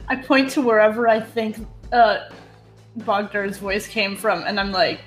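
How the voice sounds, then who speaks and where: A laid-back woman player at a tabletop game who jokes at her own expense and laughs easily. Her voice sits at a middle pitch, and soft music plays behind her. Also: a little slow, roomy sound. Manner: casual, self-mocking, laughs. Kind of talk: casual game chat.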